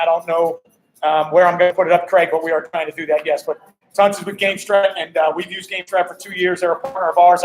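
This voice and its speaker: A man, a high school football coach, hosting a casual live-stream walkaround, upbeat and greeting viewers and passersby. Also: poor audio. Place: hotel during a coaching clinic.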